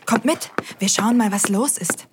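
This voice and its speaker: A woman's voice: mid-range voice, a little slow, noisy background. A woman hosting a scripted children's audio show, cheerfully talking straight to the kids.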